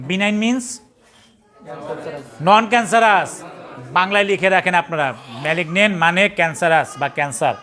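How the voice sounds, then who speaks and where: A man's voice: sits high, sharp tone. A man with a Bangladeshi accent teaching a pathology class, quizzing students, spelling out terms letter by letter and teasing latecomers. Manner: scolding latecomers and joking in colloquial speech. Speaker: pathology trainer. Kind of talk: classroom lecture.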